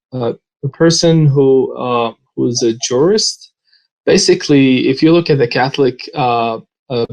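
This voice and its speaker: A man from Saudi Arabia with a Saudi Arabian accent and Arabic as his first language, giving an earnest personal testimony in an interview, pausing often with "uh". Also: mid-range voice, rough recording. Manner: earnest, halting, with many "uh" pauses.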